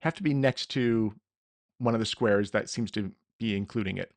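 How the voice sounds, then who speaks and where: A man running a tabletop game as game master, making deliberate rulings and correcting himself as he goes. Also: fairly low pitch, no echo.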